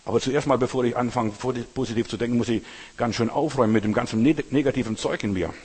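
Emphatic preacher in a reverberant hall. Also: male voice, mid-range voice, quick pace, a little mellow, slightly rough. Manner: emphatic, repeats phrases for stress; addresses listeners directly. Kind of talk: sermon.

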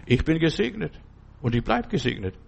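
Man preaching with loud repeated proclamations. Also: on the high side, very animated, a little fast, creaky, breathy edge. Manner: repetitive, proclaiming, swings between loud outbursts and quiet asides. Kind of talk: informal sermon.

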